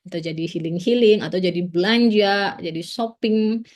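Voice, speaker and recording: Woman psychologist chatting thru a parenting seminar, reassuring, mid pitch, lots of little nah and ya fillers. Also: normal speed. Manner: chatty, peppers speech with "nah" and "ya"; warm, reassuring teaching tone. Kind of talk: informal seminar talk to parents.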